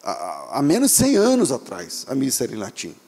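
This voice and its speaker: A man with a Brazilian Portuguese accent preaching a sermon as pastor, animated and speaking directly to his listeners. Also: mid-range voice, fairly quick, creaky, slightly rough, big-room sound.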